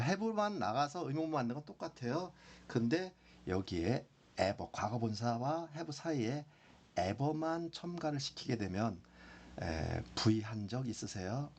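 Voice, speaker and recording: A man teaches grammar at an unhurried pace, drawing out each example sentence. His voice is gravelly and swings widely in pitch. A faint hiss sits under the recording. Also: big pitch swings, darkish tone. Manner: slow, repeats example sentences with long drawn-out pauses. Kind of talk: classroom grammar lesson.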